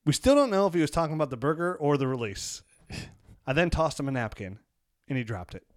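A man on a podcast, chatting casually about football in a slightly high voice. His joking, rambling talk is recorded close and dry, with no room sound. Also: animated, no echo. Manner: joking, rambling, quick to roast players. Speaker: podcast co-host. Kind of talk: casual fantasy football chat.

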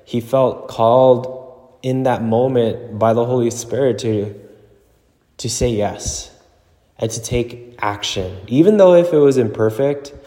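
A man hosting a show, talking casually and off the cuff in a halting, thinking-aloud way, recorded in an echoing gym. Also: mid-range voice, dark tone. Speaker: podcast host and relationship coach. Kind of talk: casual solo talk, unscripted. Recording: very echoey gym, long reverb.

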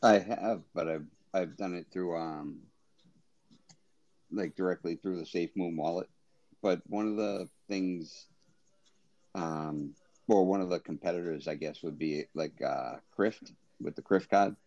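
A man with a Boston accent and a very deep, gravelly, dark voice, chatting in a loose and rambling way. The audio is dull and lo-fi, and the sound is dry. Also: measured pace, long pauses, no echo. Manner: loose and rambling, many fillers. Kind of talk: casual chat. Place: online audio room.

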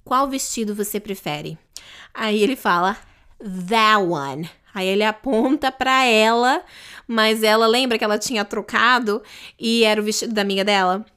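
A woman's voice: fairly high pitch, normal speed, a bit bright, clean tone. A woman with Portuguese as her first language, patiently explaining an English dialogue line by line and checking in often. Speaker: English teacher.

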